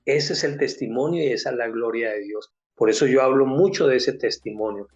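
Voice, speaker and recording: A man's voice: medium pitch, a little fast, highs cut off, soft background music. An older man with a Colombian accent, giving an emotional personal faith testimony and acting out the people in his story.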